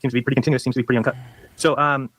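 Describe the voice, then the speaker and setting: Debater: man, very fast insistent delivery, mid pitch, dry sound. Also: little pitch movement, fairly bright tone, no echo, low-quality recording. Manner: rapid, insistent, lecturing. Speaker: debater in a played debate video. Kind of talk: debate argument.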